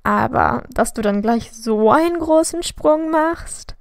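A mischievous teenage boy ribs his friend in a mocking, amused tone, as a woman reading a story puts him on. His voice sits slightly above the narrator's and is loud and gravelly. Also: sits high, lively intonation, slow pace, dry recording, studio quality, heavily acted. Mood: teasing. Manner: mocking, laughing teasing.

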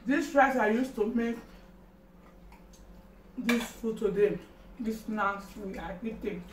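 A woman's voice: a little high, slow pace. A woman in her thirties with a Nigerian accent hosting a casual mukbang, exclaiming and talking between mouthfuls. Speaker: host of an eating show. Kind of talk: casual mukbang eating chat. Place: kitchen or dining room indoors. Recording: roomy, distant mic, faint noise.

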